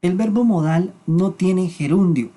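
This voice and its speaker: An English teacher explaining grammar in a lesson, repeating words slowly to model pronunciation and alternating explanations with spoken examples. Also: mid-range voice, warm tone.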